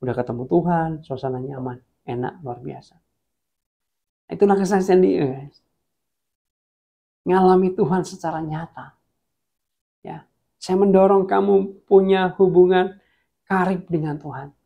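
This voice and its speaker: Chatty, gravelly male preacher. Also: sits high, measured pace, pauses often, mellow. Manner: chatty, playful, addresses listeners as guys. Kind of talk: casual storytelling sermon.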